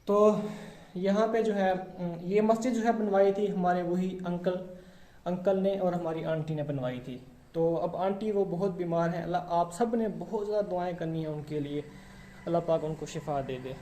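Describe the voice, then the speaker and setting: A man from Pakistan talks a viewer through a place in a loose, casual vlog style. His voice sits a little high yet sounds soft and mellow. He strings his thoughts along with filler words and pious phrases. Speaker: vlogger.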